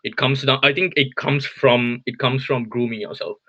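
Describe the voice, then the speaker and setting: A man's voice: medium pitch, steady tone, normal speed, bright, forceful tone, muffled recording. A man in his twenties, a podcast co-host, giving opinionated takes and teasing his friends, with frequent "um"s. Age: 20s. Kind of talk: casual chat. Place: home in Tokyo.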